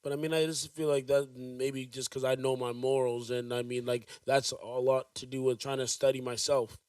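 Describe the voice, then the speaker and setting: A man's voice: medium pitch, little pitch movement, moderate pace, a little mellow, clear, resonant tone, no room sound, distant mic. A young man from Jamaica co-hosting a podcast, musing in a rambling way with many fillers in casual chat. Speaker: podcast co-host.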